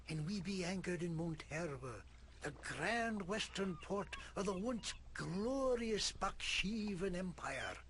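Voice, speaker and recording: Gruff old fisherman, grumpy salty yarn-spinner from a game, soft voice a bit high, noisy ambience behind. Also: full character voice. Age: older. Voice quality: soft, relaxing voice. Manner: gruff old fisherman, rustic pirate-like sailor speech. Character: gruff old sailor, grumpy storyteller mending nets. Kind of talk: video game character acting.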